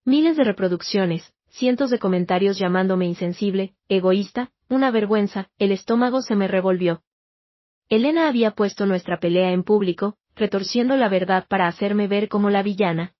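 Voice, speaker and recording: A woman narrating a first-person family story in an even, measured way. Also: medium pitch, no room sound. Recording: dull, dry lo-fi recording.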